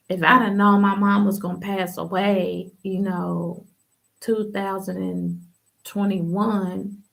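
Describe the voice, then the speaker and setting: A young woman from Ohio shares her personal testimony on a livestream, speaking candidly in loose everyday slang. Her voice has a gravelly fry, and her pitch sits in an ordinary middle range. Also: a bit bright. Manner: casual, candid storytelling with slang and many fillers. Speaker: podcast host telling her testimony.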